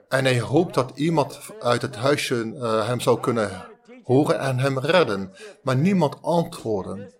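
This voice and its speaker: A man preaching a sermon, telling a story slowly and deliberately with frequent restarts. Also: medium pitch. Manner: slow, deliberate, halting with restarts.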